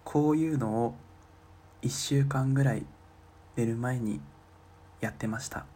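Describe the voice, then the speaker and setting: A young man in his twenties doing a comic solo podcast, deadpan and self-mocking, murmuring his inner thoughts. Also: mid-range voice, a little slow, husky. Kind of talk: comic monologue.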